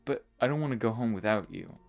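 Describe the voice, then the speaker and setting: Man voicing a young boy, earnest, stubborn, pleading, gravelly edge, faint game music behind. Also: on the low side, lively intonation, fast. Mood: insistent.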